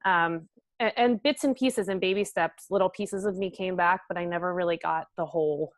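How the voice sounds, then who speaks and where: A woman in her thirties talks as a guest in an interview, earnest and loose, with plenty of "um" and "like." Her voice sits a little low. The sound is dry and close, with no room in it. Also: moderate pace, no echo. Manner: earnest, frequent fillers like "um" and "like". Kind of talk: casual interview conversation.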